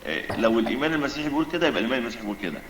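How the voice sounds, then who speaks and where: A man's voice: medium pitch, lively intonation, rapid-fire, reverberant, a little hiss or hum. A man with an Egyptian accent, arguing his point insistently in a religious debate and explaining it with everyday examples. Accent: Egyptian Arabic.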